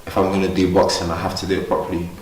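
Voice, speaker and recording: A man's voice: sits low, little pitch movement, rapid-fire, reverberant, distant mic, rough recording. A young man from Ghana, a boxer, talking earnestly and upbeat in a casual interview at a boxing gym. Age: young adult. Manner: earnest, upbeat, talks freely.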